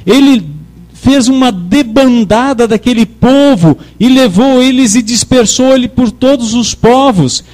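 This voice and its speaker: A man's voice: very high voice, a little mellow. A male preacher giving a sermon with emphasis, calling on the congregation to repeat his words back to him. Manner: emphatic, leads the congregation in call-and-response.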